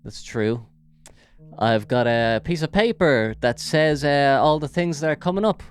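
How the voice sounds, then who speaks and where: An Irish man hosts a casual solo podcast into a big studio microphone, rambling and joking with plenty of fillers. His voice is a little high, clear and resonant, and he keeps a measured pace.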